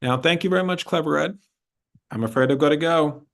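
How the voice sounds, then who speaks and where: This admissions consultant speaks in a fairly high, brisk, slightly bright male voice. Answering students' questions casually, he stays candid and supportive while often saying things more than once.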